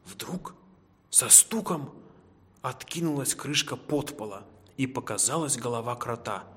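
A man tells a children's fairy tale in a lively, expressive storytelling voice of ordinary pitch. The reading sits in a room with a clear trailing reverb. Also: a little slow. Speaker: narrator. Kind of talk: storybook narration.

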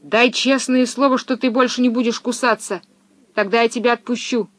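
A woman's voice: on the high side, steady tone, moderate pace, a bit bright, dry recording, natural voice. A woman voicing a strong, fearless girl in a storybook reading, stern and scolding.

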